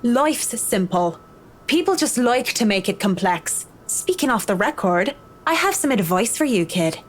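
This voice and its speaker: A woman's voice: on the high side, big pitch swings, unhurried, slight background noise, voice pushed up. A woman voicing a blunt, cynical woman interior designer who speaks dryly and curtly in a visual novel read aloud. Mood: lecturing. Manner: dry, curt and lecturing.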